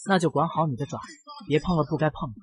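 A man's voice: a little high, fast, lightly acted. A man voicing a cold, possessive male vampire CEO who threatens a rival, in a comic recap. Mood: menacing. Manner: cold, menacing.

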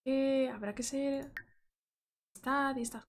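A woman's voice: high-pitched, measured pace, noisy background. A woman streaming a life-sim game, chatting casually, reading game text aloud and greeting viewers in chat. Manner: excitable, reads game text aloud, shrieks when startled.

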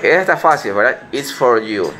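A middle-aged man teaching young children in an online lesson, coaxing them to repeat phrases slowly. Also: mid-range voice, animated, bright, forceful tone, soft background music. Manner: patient, slow, spelled-out English phrases mixed into Spanish.

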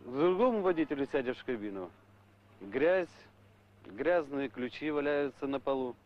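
A man's voice: medium pitch, animated, normal speed. A male truck driver giving a composed testimonial in a documentary interview. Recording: muffled old film soundtrack.

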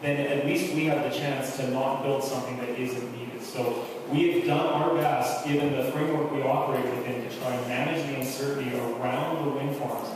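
Official guy explaining things calmly at a public meeting, kinda far from the mic, big echoey hall, noise. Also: mid-range voice, crowd noise. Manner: measured, repeats phrases while explaining. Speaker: utility official answering questions. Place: large wooden community hall, indoors.

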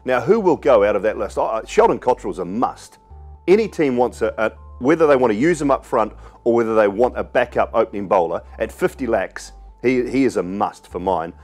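A man's voice: medium pitch, lively intonation, brisk, darkish tone, faint music behind. A man in his forties giving blunt, emphatic cricket opinions on a studio panel. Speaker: cricket pundit. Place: TV studio, indoors. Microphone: lapel mic.

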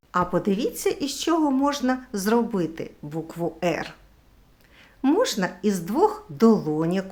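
A middle-aged woman teaching young children how to say a speech sound, slow and exaggerated like a kindergarten teacher. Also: mid-range voice.

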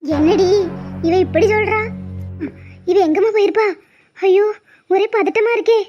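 An anxious, fussy old grandmother in a cartoon, voiced by a woman. Her voice is high and raised, with a slightly dull, lo-fi sound. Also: a little fast, dark tone, soft background music. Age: older.

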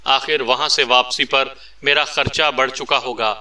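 A man's voice: mid-range voice, fairly even intonation, moderate pace, pushed and bright. A man voicing a joking, witty male secret agent in a read-aloud story, with a playful, teasing manner. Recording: distant mic.

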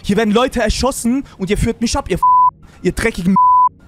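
A man roleplaying in a game, shouting and cursing aggressively in character. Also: very high voice, wildly swooping pitch, brisk. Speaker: roleplay streamer. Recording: voice chat over loud game noise.

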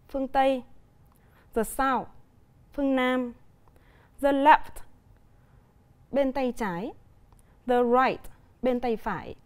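Vietnamese-accented woman teacher, bright high register, patient televised lesson delivery. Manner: clear, deliberate explaining with examples. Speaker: English teacher.

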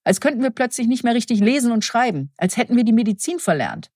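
A woman's voice: fairly high pitch, big pitch swings, fast talker, a little mellow, slightly rough, no echo, studio quality, voice pushed up. A woman reading the part of a wry, sceptical female intensive-care doctor.

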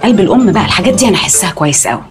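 A woman's voice: mid-range voice, big pitch swings, soft background music, natural voice. An actress with an Egyptian accent playing a suspicious, lecturing middle-aged mother in a TV drama. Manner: sharp, lecturing, quick scolding. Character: scolding, suspicious mother of a grown family. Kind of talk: TV drama acting.

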